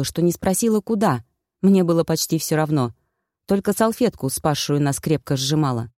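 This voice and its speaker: Lady reading a fantasy audiobook, mellow low voice, dry close mic. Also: no echo. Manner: even storytelling, first-person heroine. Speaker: audiobook narrator. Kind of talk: scripted first-person audiobook narration.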